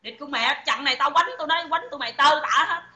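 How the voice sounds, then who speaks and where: High, sharp-voiced Southern Vietnamese woman ranting. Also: fast, roomy sound, dull audio. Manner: profane, taunting, shouting insults. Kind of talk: angry livestream rant. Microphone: phone.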